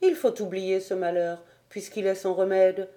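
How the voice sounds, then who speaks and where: A woman reading a gentle, devoted young wife. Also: medium pitch, steady tone, normal speed, natural voice. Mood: tender. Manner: gentle, consoling.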